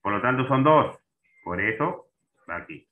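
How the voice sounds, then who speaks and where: Male teacher, mid-pitched voice, prompting students over tinny video-call audio. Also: expressive, measured pace. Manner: checks in often with students, asking and prompting. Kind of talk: online class on Spanish accent marks.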